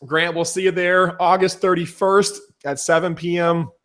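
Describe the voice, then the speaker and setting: A man hosting a casual webinar, energetic and enthusiastic as he talks to his viewers, his voice going hoarse. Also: high-pitched, moderate pace. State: losing his voice. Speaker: webinar host.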